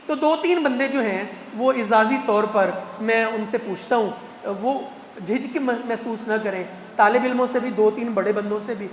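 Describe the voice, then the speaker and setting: A man, giving a lively mosque talk at a Quran gathering and putting playful rhetorical questions to the congregation. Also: extremely high pitch, few pauses, slight background noise. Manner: animated, teasing rhetorical questions to the crowd. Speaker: guest speaker at a Quran completion gathering. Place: large mosque hall. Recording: echoey mosque hall with long reverb.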